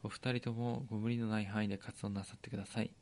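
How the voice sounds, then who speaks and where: A man's voice: fairly low pitch, level tone, fast, darkish tone. A male podcast co-host with a Tochigi accent who reads listener mail aloud politely and then jokes around in casual banter. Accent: Tochigi dialect.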